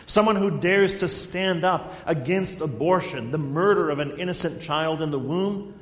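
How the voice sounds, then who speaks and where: A man's voice: on the high side, normal speed. Man preaching a sermon in an echoey hall. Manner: earnest, emphatic preaching with rhetorical questions. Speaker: pastor. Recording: echoey hall with long reverb.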